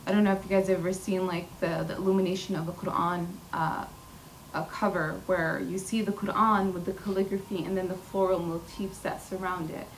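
A young woman with a fairly low-pitched, level voice speaks fairly quickly, with a little hiss or hum in the recording. As a featured artist speaker at a podium mic in a large indoor hall with a glass wall, she gives an earnest personal talk full of fillers and restarts. The audio comes from a distant room mic with faint hall ambience.

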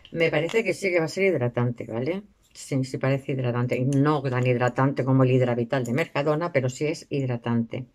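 A chatty woman talks straight to her camera about budget finds. She rambles warmly through fillers and asides, calling her viewers girls. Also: rumbling low. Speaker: beauty and shopping vlogger. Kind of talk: casual product review.

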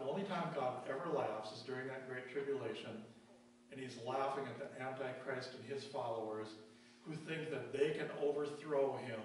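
A man preaching a sermon as pastor, asking rhetorical questions and reading verses aloud in a slow, deliberate cadence. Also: medium pitch. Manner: emphatic preaching, rhetorical questions answered with slow drops in volume. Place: church sanctuary. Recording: very echoey church, distant mic, faint hum.

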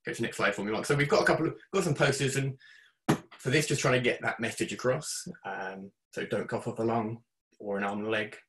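Young man pitching a campaign idea. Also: quick pace. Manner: upbeat, steady pitch with fillers. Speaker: student presenter. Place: home, on a video call.

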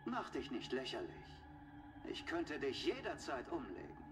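A man's voice: mid-range voice, sing-song, measured pace, music in the background. An actor playing an arrogant, mocking male villain lord in a video game, heard from far off as game audio. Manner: taunting, swaggering.

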